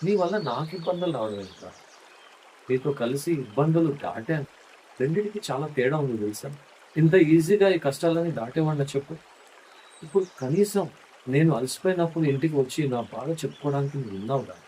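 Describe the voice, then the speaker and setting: Warm, tender middle-aged man. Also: on the high side, animated, brisk, a little hiss or hum. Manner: tender, intimate, coaxing tone addressed to a spouse. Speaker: storyteller speaking as a husband. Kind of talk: scripted heartfelt monologue.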